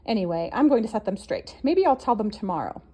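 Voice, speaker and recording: A woman's voice: mid-range voice, very animated, fast talker, warm tone, slightly rough. A woman voicing a small, scraggly, modest rooster who speaks earnestly and pleads to be heard. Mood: musing.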